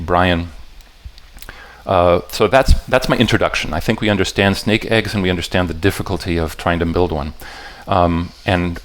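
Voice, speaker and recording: A man giving an explanatory talk to a live audience about puzzle patterns, often stopping to restart and rephrase his sentences and checking in with listeners. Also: deep voice. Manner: halting and self-correcting, stops to restart sentences; talks directly to the audience with checking questions.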